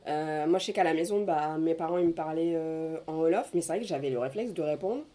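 A woman's voice: low-pitched, quick pace, dark tone. A woman chatting casually about a book with friends, thoughtful and rambling, with frequent fillers and restarts.

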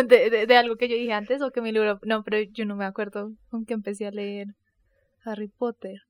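High-voiced woman chatting playfully on a podcast. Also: normal speed. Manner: playful, animated storytelling with vocal asides. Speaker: podcast co-host. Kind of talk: casual podcast chat and anecdotes.

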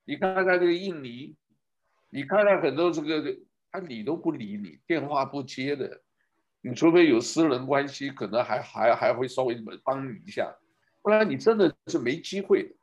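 A man giving a rambling casual commentary, speaking to his listeners and asking them one rhetorical question after another. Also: a little high.

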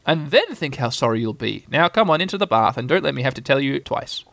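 Man as brisk, lilting motherly kangaroo Kanga. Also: high voice, sing-song, fairly bright tone, dry recording, pitched above the performer's own voice. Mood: brisk, firm. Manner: soothing, cheerful, firmly nannyish.

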